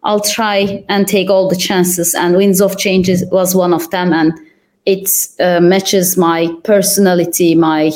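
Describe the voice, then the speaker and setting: Young adult woman from Turkey, interview guest; unhurried, reflective answers broken by fillers. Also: on the low side, little pitch movement, a little mellow. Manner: thoughtful, pauses with frequent fillers. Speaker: podcast guest.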